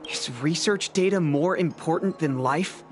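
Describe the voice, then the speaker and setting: A man's voice: a little high, unhurried, natural voice. A man voicing a worried young apprentice. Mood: anxious. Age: young adult. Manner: worried, earnest, defensive. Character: anxious young male apprentice craftsman. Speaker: apprentice craftsman. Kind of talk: video game voice acting. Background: faint game music.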